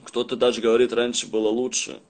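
A young man chatting casually on a livestream in rough, swear-heavy street slang, rambling and halting as he goes. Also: mid-range voice, monotone. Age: young adult. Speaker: live streamer. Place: small indoor room at home. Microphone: phone at arm's length.

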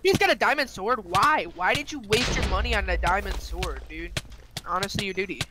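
A young man in a casual gaming chat with friends, teasing them and breaking into loud yells. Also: high voice, animated, a little fast, heavy background noise. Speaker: gamer.

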